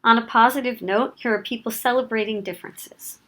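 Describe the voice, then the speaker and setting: A woman's voice: a little high, fairly even intonation, a little fast, bright, forceful tone, low-quality recording. A woman narrating a documentary in an earnest, reflective, scripted manner. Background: music.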